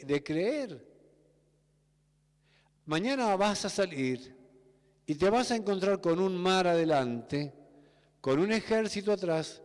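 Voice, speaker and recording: A man's voice: high-pitched, darkish tone. A man preaching a sermon with a Rioplatense Spanish accent, emphatic and full of rhetorical questions. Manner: emphatic, rhetorical questions, acts out quoted voices. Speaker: pastor. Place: church sanctuary. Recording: echoey church hall.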